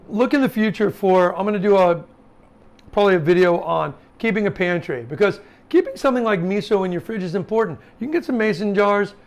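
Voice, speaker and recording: A man, a chef, teaching a casual cooking class in a home kitchen, talking informally with lots of fillers and asides. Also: high-pitched. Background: sizzling pan and chopping.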